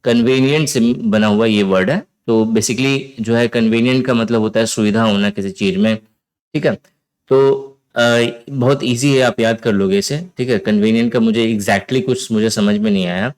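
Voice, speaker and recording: A man's voice: fairly low pitch, steady tone, normal speed, clean tone. A man with an Indian accent teaching vocabulary with memory tricks, in a casual, chatty way that often checks the listener follows. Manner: casual, chatty explaining with frequent "theek hai?" checks.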